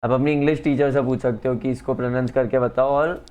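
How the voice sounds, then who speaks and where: A man's voice: medium pitch, steady tone, quick pace, a little mellow, clear, resonant tone. Man tutoring a student in science. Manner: explains patiently, mixes in English phrases. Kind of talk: one-on-one lesson.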